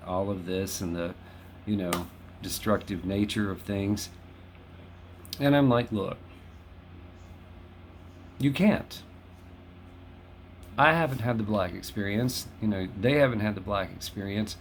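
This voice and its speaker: Fifties guy chatting at home, lowish voice, dry jokey host, faint room hum. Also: a little mellow. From Los Angeles. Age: 50s. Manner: chatty, wry, self-deprecating. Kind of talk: casual monologue to camera. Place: home in West Hollywood.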